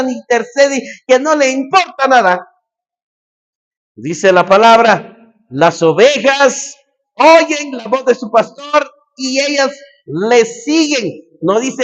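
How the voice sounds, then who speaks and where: Male pastor, high voice, emphatic repetitive preaching, muffled lo-fi sound. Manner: emphatic preaching, repeats phrases, shouts calls. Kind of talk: sermon.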